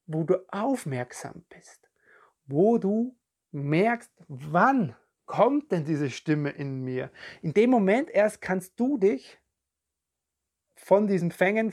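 Calm self-help podcast coach. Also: mid-range voice. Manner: calm, searching for words, repeats phrases. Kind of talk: reflective self-help talk addressed to the listener. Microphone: podcast and video recording.

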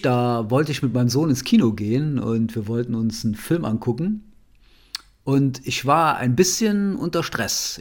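On the podcast he runs as a nonviolent communication trainer, this man speaks at a medium pitch in a sincere, warm monologue, frequently tagging his lines with a gentle, inquiring "ja?"

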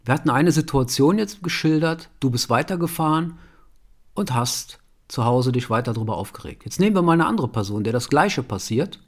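A man's voice: medium pitch, lively intonation, a little fast. A man giving a conversational self-help talk straight to the listener, asking rhetorical questions and tagging his sentences with a questioning "ja?".

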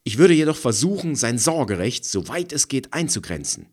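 A man voicing a jealous married woman who is assertive and emphatic. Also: animated. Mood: vehement. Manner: emphatic, quick, rising pitch when heated.

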